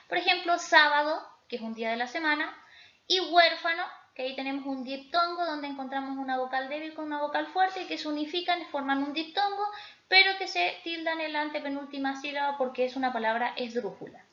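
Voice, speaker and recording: A woman teacher explaining spelling rules in a recorded lesson, often pausing to check in with her students. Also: high voice, a bit bright. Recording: echoey room, slightly dull sound.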